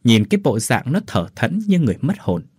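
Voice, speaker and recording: A man narrating a sad story in a melodramatic style, slowing down for sung-out verse lines. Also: mid-range voice, big pitch swings, husky, no room sound, clean studio sound.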